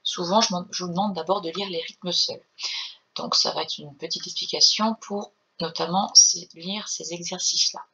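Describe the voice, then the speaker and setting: A woman's voice: fairly low pitch, steady tone, normal speed, bright, forceful tone, husky, highs cut off. A woman music teacher patiently explaining rhythm exercises and chanting the rhythm syllables.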